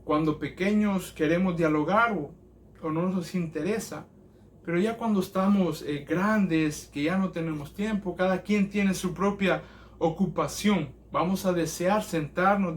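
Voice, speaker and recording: A male pastor preaches in a church with a high voice. He talks earnestly and steadily, pausing on small fillers as he gathers his thoughts. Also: a little hiss or hum. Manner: earnest and measured, with hesitation fillers. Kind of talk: sermon.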